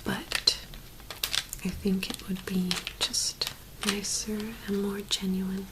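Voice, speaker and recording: A woman speaking in a soft, hushed whisper, gently presenting an ASMR tapping video. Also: mid-range voice, completely flat delivery, takes it slowly, rough recording.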